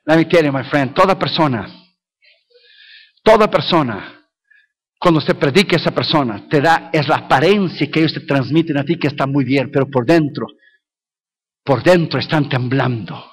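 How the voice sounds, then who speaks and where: A man's voice: fairly high pitch, normal speed. A male evangelist preaching a sermon with emphatic repetition, dropping in English phrases.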